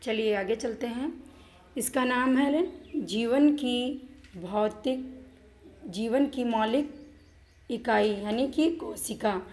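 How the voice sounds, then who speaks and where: A woman's voice: a little high, darkish tone. A woman teaching a school lesson, often asking the class questions and repeating her points. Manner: slow, repeats questions to students.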